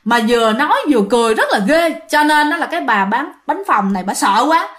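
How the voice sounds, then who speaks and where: A woman tells a ghost story in a casual, chatty way. She speaks straight to her listeners, and her voice sits slightly high. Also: fairly bright tone. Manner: chatty, addresses listeners directly.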